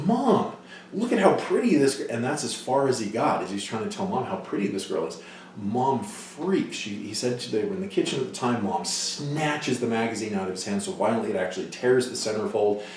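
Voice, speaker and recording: A man's voice: on the low side, a little fast, slight background noise. Man lecturing in a very echoey hall. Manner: storytelling, acts out quoted voices loudly. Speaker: psychology lecturer. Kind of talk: lecture with case stories. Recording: distant mic in a very echoey hall.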